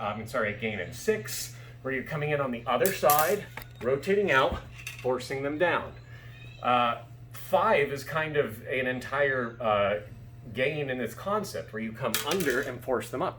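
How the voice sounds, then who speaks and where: A man's voice: mid-range voice, fairly bright tone. A man giving casual, explanatory fencing instruction, often checking that his students follow. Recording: echoey room with background noise.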